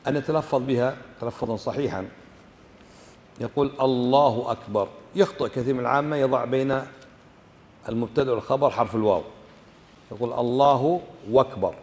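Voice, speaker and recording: A man's voice: medium pitch, normal speed, long pauses, a little mellow, long reverb tail. A man with a Kuwaiti Arabic accent teaching a religious lesson, often questioning the class and demonstrating how words are pronounced. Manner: asks the class frequent questions and demonstrates pronunciations. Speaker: sheikh teaching fiqh. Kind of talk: religious lesson explaining a book.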